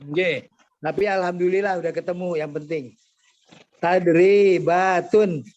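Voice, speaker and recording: A man's voice: high voice, moderate pace, fairly bright tone. A man teaching an Arabic class over a video call, patiently quizzing his students by name. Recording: muffled video-call audio.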